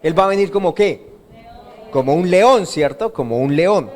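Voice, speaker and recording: A male pastor delivers a sermon at a church service, his voice sitting high for a man. He keeps throwing questions to the congregation and answering them himself in a call-and-response rhythm. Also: lively intonation, moderate pace, a little mellow. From Colombia.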